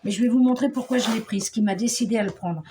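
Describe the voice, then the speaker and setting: Middle-aged woman from Paris, casual crafting vlog, higher voice, chatty and hesitant, faint background noise. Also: fast talker, warm tone. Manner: chatty, hesitant, many fillers and restarts. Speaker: scrapbooking vlogger. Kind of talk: casual show-and-tell chat.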